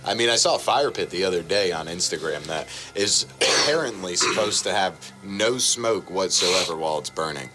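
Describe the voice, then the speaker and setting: A man co-hosting a casual chat show, rambling through explanations with relaxed swearing. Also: deep voice, normal speed, hardly any pauses, over loud music. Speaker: podcast co-host.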